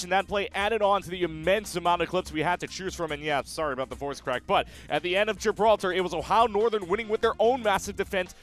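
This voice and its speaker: A man hosting an esports highlights show, recapping matches with upbeat, quick delivery and playful asides. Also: a bit bright. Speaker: host.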